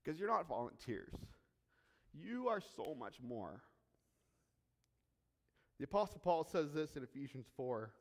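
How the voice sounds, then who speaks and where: A man's voice: on the high side, big pitch swings, a little slow, long pauses. A man preaching as a pastor, earnest and emphatic, repeating key phrases for weight, from Canada. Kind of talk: sermon. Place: church sanctuary. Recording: long hall reverb.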